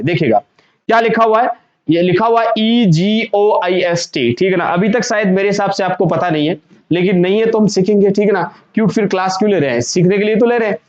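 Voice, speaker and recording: A man's voice: sits high, expressive, fast talker, darkish tone. A man teaching a vocabulary lesson, sounding words out syllable by syllable and asking the class to repeat them. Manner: drills pronunciation, repeating words and asking questions. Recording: dull lo-fi sound.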